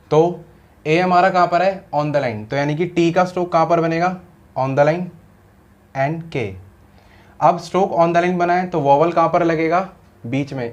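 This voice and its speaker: A man's voice: a little high, lo-fi sound. Man teaching shorthand with rhetorical questions. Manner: explains step by step with rhetorical questions; mixes Hindi with English terms. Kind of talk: classroom-style lesson explanation.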